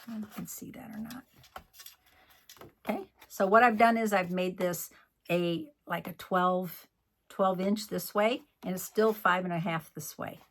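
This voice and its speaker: A man's voice: high voice, steady tone, moderate pace, vocal fry, a bit bright. A man demonstrating card-making in a chatty tutorial, scolding himself and muttering asides as he works. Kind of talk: crafting tutorial.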